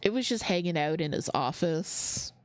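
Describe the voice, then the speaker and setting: A woman's voice: fairly low pitch, animated, moderate pace, soft background music. A woman hosting a crafting livestream, chatting casually, reading chat comments aloud and laughing often. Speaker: livestream host.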